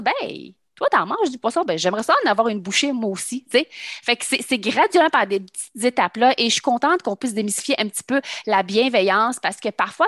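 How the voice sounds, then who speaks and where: A woman with a Québécois French accent, co-hosting a podcast as a pediatric dietitian, talking thoughtfully and pausing to find her words. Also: on the high side, a bit bright, dry recording, clean studio sound. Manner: thoughtful, searches for words with fillers. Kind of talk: casual podcast chat.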